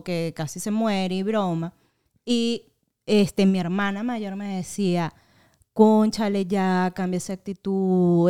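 A young woman with a Venezuelan accent, chatting on a podcast and spinning lively family anecdotes. Her voice is mellow and dark, with a smooth, clear tone. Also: on the low side. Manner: animated storytelling, acting out family quotes. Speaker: podcast co-host. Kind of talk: casual chat.

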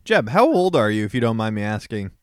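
A man's voice: lowish voice, big pitch swings, a little fast, clean tone, no echo, studio quality. A man in his early twenties co-hosting a podcast, joking and mocking himself. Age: 20s. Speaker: podcast co-host. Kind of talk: casual chat.

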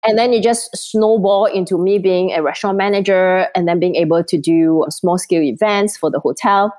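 A woman's voice: lowish voice, fairly quick, darkish tone. A woman from Singapore, chatting as an interview guest while she has a cold, often laughing. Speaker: guest, event planner. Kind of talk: casual interview chat.

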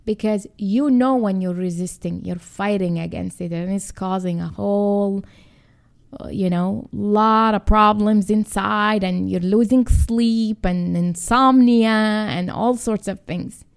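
A woman gently guiding a calm mindfulness and grounding exercise as a podcast host and coach, with a halting, instructive delivery. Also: mid-range voice, gravelly.

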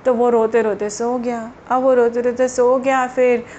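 Lively woman telling children a story. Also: on the high side, unhurried, dull audio, a little hiss or hum. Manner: lively, addresses children directly.

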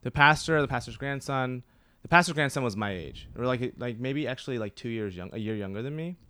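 Podcast guest, male, thirties, from Oklahoma. Rambling, full of fillers, middle pitch, dry close sound. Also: animated, a little fast, sharp tone, smooth, no echo. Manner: rambling, with many fillers and restarts. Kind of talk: casual conversational interview.

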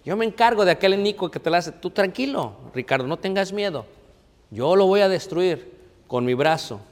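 A man voicing Jesus as a gentle protector who speaks softly and reassuringly to a worried believer. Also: sits high, lively intonation, moderate pace, in a large hall.

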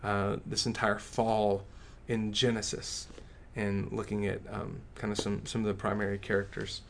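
A man with a West Texas accent and twang, chatting casually as a pastor and co-host in a halting way that repeats words. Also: lowish voice, level tone, gravelly, a little hiss or hum. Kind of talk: casual conversation.

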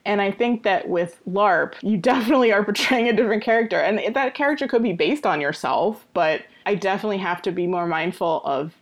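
A woman's voice: mid-range voice, animated, a little fast, few pauses. A woman chatting as a podcast guest, talking loosely with lots of "like" and "you know" fillers. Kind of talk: casual interview chat.

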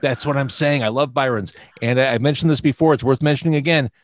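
A man's voice: medium pitch, quick pace. A man hosting a podcast in a casual, wordy way, repeating points for emphasis. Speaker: podcast host. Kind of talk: casual hosting and interview talk.

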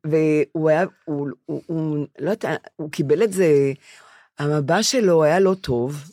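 A woman's voice: low voice, warm tone, no room sound, clean studio sound. An older woman chatting casually, telling her stories emphatically and often repeating herself. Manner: emphatic, repetitive storytelling. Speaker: podcast co-host. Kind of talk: casual chat.

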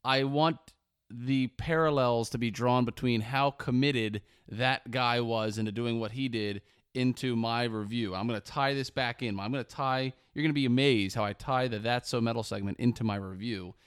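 A man's voice: medium pitch, steady tone, normal speed, smooth. A man co-hosting a podcast, retelling a video playfully in casual chat. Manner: playful storyteller, swears casually. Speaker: podcast co-host.

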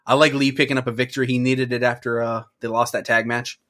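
Male podcast co-host, mid pitch, relaxed recap delivery with casual swearing. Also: fast. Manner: reads results with offhand swearing.

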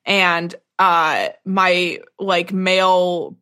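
A woman's voice: lowish voice, very slow, sharp tone, clean tone. A young woman co-hosting a podcast, telling a rambling, self-deprecating story in casual chat and swearing freely. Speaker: podcast co-host.

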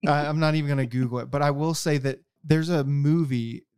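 A man's voice: a little high, fairly even intonation, brisk, a little mellow, smooth, no room sound, clean studio sound. A man hosting a collectors' podcast, joking and rambling in a casual chat. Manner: jokey, rambling, self-mocking. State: tired from no sleep. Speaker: podcast host.

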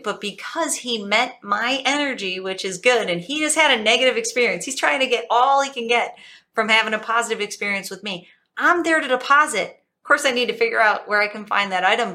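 A woman coach giving an energetic, emphatic motivational talk, telling stories with animated emphasis. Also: medium pitch.

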